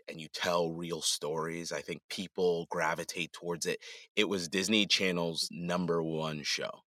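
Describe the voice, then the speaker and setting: A man with a very low voice and a bright, forceful edge talks through his work as a guest in a casual interview. He drifts and restarts his sentences as he goes. The sound is dry and close. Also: no echo. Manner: relaxed, rambling, many restarts and fillers. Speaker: voice actor guest.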